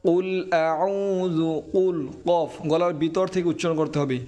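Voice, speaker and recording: Man teaching Quran recitation, high voice. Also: fairly even intonation, darkish tone. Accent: Bangladeshi Bengali. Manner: alternates slow drawn-out chanted recitation with quick spoken explanation. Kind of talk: tajweed lesson, reciting then explaining.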